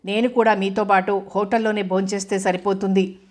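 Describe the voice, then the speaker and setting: Female narrator doing a hurt young wife, reproachful, even-toned, audiobook. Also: mid-range voice, brisk, close to an everyday voice.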